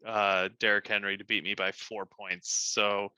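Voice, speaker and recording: A man's voice: lowish voice, level tone, moderate pace, bright, forceful tone, clean tone, no room sound, low-quality recording. A man co-hosting a casual podcast with dry wisecracks. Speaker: podcast co-host.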